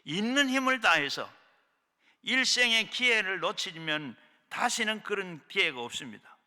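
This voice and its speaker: A middle-aged male pastor preaching a fervent sermon, swinging between loud shouts and hushed low lines, at a prayer retreat hall. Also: lively intonation, moderate pace.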